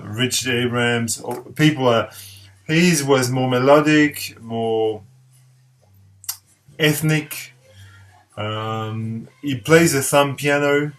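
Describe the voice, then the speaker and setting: A record collector from eastern France reviews records in a casual vlog. His medium-pitched voice is a bit bright, and he sounds hesitant, using many fillers while enthusiastically repeating his praise.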